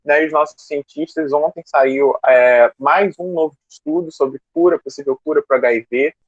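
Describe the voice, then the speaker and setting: A man's voice: fairly high pitch, moderate pace, no echo. Guy hosting a live chat, upbeat, talks to the chat, dry dull mic. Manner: upbeat, speaks to the chat audience. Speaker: host. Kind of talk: casual live-stream interview.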